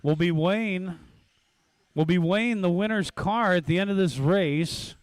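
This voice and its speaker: Guy announcing a race live, kinda high smooth voice, chatty and exclaiming. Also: unhurried, dry recording. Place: at a race track event.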